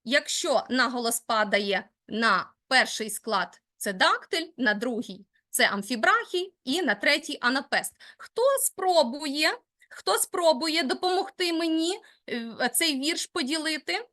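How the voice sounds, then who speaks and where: A woman's voice: sits high, animated, measured pace, bright, forceful tone. A woman teacher leading a literature lesson, guiding her students step by step and encouraging their answers. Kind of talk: classroom lesson.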